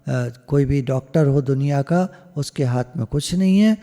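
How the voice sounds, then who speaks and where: A man giving a spiritual discourse over a video call, slow and emphatic, often slipping into English phrases. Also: medium pitch, mellow, in a large hall. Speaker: satsang speaker.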